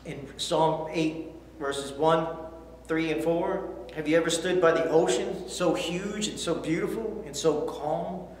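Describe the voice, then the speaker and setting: In an echoey, faintly hissing recording from an indoor church studio set with a backdrop, a middle-aged man reads scripture to children and earnestly questions them during a Bible lesson. His voice is on the high side, and he's unhurried.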